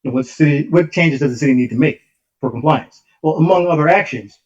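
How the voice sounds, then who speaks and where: A man's voice: on the high side, a little fast, darkish tone. A man giving a formal presentation over a remote call whose audio keeps cutting out and glitching. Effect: choppy audio that keeps cutting out. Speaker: consultant presenting to a commission. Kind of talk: formal presentation read from slides. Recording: dull lo-fi remote call line.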